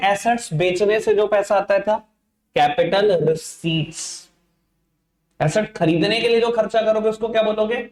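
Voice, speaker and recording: A man's voice: high voice, roomy sound. A male accounting teacher giving an online class lecture in speech, playful and teasing as he talks straight to his students.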